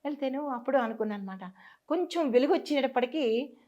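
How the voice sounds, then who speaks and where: Woman telling her own story, earnest, kinda halting, slightly high voice, muffled lo-fi sound. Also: expressive, mellow. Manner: earnest, halting, with restarts and repeats. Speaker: guest. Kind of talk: personal storytelling in conversation. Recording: dull lo-fi sound.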